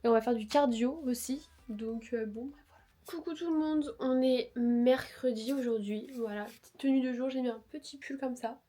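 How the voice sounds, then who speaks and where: This woman's slightly high, mellow voice keeps fairly even intonation at a normal speed. She's vlogging while sick with a cold, sounding nasal as she chats loosely with self-mocking asides, via a lapel mic into a phone.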